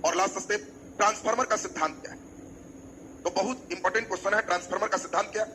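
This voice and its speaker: A man's voice: high voice, very fast, pushed and bright, slight background noise, poor audio. A male teacher, giving an exam coaching lecture and quizzing his students by repeating key terms.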